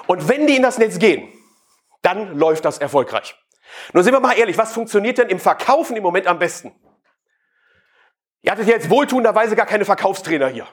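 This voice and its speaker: A man's voice: high voice, husky. A man giving a live sales talk, questioning the audience and provoking them. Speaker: sales speaker.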